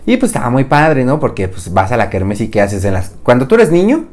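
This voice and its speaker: A man's voice: medium pitch, huge pitch swings, a little fast, darkish tone. Rambling self-mocking Mexican man. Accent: Mexican Spanish. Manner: rambling, self-mocking, slangy, laughs at own jokes. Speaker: podcast host. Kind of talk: casual comedic monologue.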